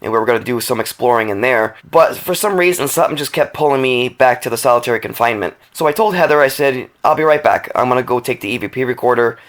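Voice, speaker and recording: A man from New England co-hosts a relaxed podcast in a mid-range voice. He tells his stories with plenty of animation and keeps them chatty. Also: medium pitch, fast talker, hardly any pauses. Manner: storytelling, animated about spooky finds. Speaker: podcast co-host. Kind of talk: casual chat.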